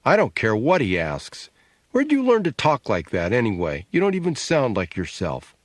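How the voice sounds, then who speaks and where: A man voicing a sharp-tongued, sarcastic adult sister, needling and scornful, in an audiobook. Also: mid-range voice, wildly swooping pitch, normal speed, dry recording.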